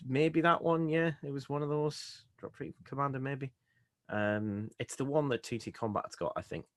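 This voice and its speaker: A man's voice: mid-range voice, steady tone, moderate pace, no room sound. A man co-hosting a podcast, chatting casually, laughing and swearing as he talks. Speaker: podcast co-host.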